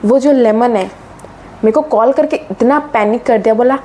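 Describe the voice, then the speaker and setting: Chatty teenage girl, mellow higher voice. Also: moderate pace. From Odisha, India. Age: teens. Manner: chatty, mixes English phrases into Hindi, gets excited retelling stories. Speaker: student vlogger. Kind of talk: casual vlog chat.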